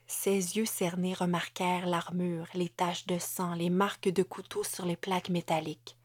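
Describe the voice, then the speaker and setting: A woman narrating an audiobook in a measured way, sometimes sinking to a whisper. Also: on the low side, flat delivery, darkish tone, no room sound.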